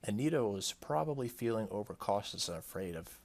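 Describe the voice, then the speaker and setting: Over the game's soundtrack, a gaming host reads the game's text out loud and breaks off for casual remarks. His voice is fairly low and darkish in tone, and he talks fairly quickly with lively intonation.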